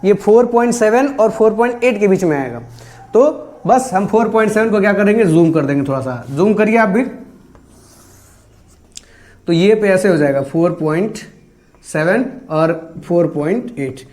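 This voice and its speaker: High-voiced man teaching math. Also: expressive, moderate pace, darkish tone. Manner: asks questions and answers them himself, stresses each number; mixes English math terms into Hindi. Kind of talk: classroom math lesson.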